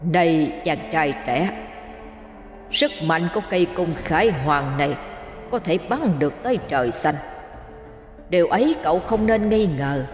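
A woman voicing a solemn ancient male spirit that speaks from within a magic bow, slow and grave, with an echo effect. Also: sits low, expressive. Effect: echoing reverb. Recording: echoey long reverb, faint music.

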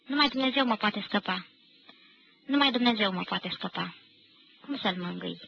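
A woman's voice: medium pitch, expressive, creaky, slight background noise. A woman reading a grieving young man in a storybook. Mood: despairing. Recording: dull lo-fi 1990 radio archive recording.

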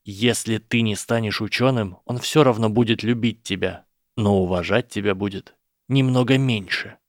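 A man voicing a proud boy wizard who is furious and shaken, shouting with his voice breaking from rage. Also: lowish voice, moderate pace, no room sound, clean studio sound, close to an everyday voice. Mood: trembling anger. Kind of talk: audiobook character voice.

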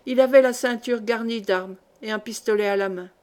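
A woman's voice: on the high side, fairly quick, a little mellow. Woman narrating a classic short story. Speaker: audiobook reader. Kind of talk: literary narration.

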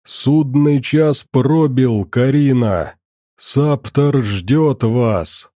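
A man voicing a menacing old woman who hisses and shrieks slow, drawn-out threats. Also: mid-range voice, warm tone, no echo, clean studio sound, pitched above the performer's own voice. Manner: hissing, drawn-out.

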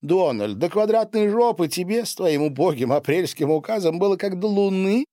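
A man's voice: high voice, lively intonation, moderate pace, dark tone, no echo, studio quality, voice pushed up. A man doing a cool, stern stateswoman. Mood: dismissive. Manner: cool, clipped and reproving. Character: stern, prim female stateswoman.

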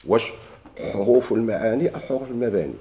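This male teacher has a medium-pitched, dark voice with lively intonation, and he talks fast. Speaking with a Moroccan Arabic accent, he walks a class through a grammar text, raising questions he then answers himself and frequently repeating key words.

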